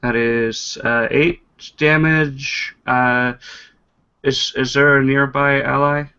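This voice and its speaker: A man's voice: mid-range voice, steady tone, slow pace, pushed and bright, clear, resonant tone, highs cut off. A man playing a tabletop role-playing game, narrating his character's moves with frequent hesitations. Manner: hesitant, many uh's, vivid narration. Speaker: player. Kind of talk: casual tabletop play and narration.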